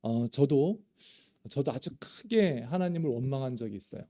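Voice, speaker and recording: A man's voice: medium pitch, expressive, normal speed, a little mellow. A middle-aged male pastor delivering a sermon, acting out quoted prayers with mounting feeling. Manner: emotive, dramatizing quoted prayers with rising intensity.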